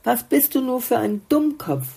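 A woman giving voice to a gentle, wise little blue flower. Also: fairly high pitch, very animated, normal speed, vocal fry, slightly rough, pitched above the performer's own voice, heavily acted. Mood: patient, explaining. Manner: patient, kindly explaining.

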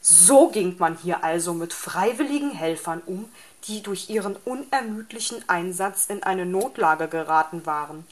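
A woman reading a children's story aloud in a gentle, measured way. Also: on the low side, lively intonation. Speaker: narrator.

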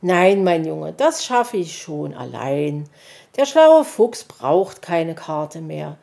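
A woman voicing a grown male fox in a storybook who talks firmly and calmly. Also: sits low, vocal fry, heavily acted. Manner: calm, firm, slow. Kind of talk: storybook reading.

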